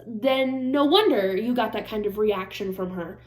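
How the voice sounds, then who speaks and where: A woman vlogger giving casual reaction commentary, animated and swearing freely as she mimics people in mock-angry voices. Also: mid-range voice, normal speed, roomy sound.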